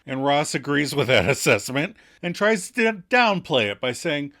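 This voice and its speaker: A man's voice: fairly high pitch, moderate pace. A man co-hosting a podcast, casually recapping an episode and laughing often. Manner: animated recapping, acts out quoted lines, laughs often. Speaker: podcast co-host.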